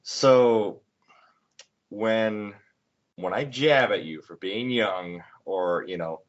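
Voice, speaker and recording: A man in his twenties hosting a casual podcast chat, talking in halting bursts with many restarts. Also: lowish voice. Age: 20s. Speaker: podcast host. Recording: dull lo-fi recording.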